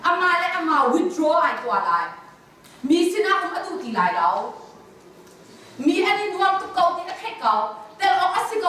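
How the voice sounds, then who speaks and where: A woman's voice: high voice, a bit bright, a little hiss or hum. Woman lecturing in a roomy echoing hall. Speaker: conference speaker. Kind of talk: lecture on counseling. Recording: echoey hall from far off.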